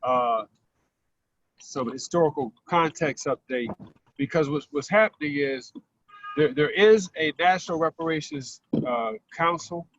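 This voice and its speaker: A man's voice: on the high side, unhurried, a bit bright. A man calling in to a talk show on speakerphone while driving, laying out facts and repeating key figures. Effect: car speakerphone call. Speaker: caller. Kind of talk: call-in explanation on a talk show. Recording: muffled phone line from a car.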